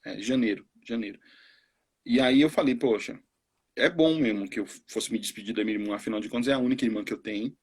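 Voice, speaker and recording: Brazilian man, forties, missionary giving a casual testimony. Husky, breathy tone; animated storyteller who acts out the voices of people he quotes. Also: medium pitch, fast talker. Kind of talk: casual testimony on a live stream.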